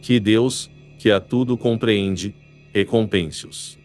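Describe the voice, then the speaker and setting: A man voicing a frightened stranger in a rowboat at night, pleading and halting. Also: fairly low pitch, fairly even intonation, faint music behind.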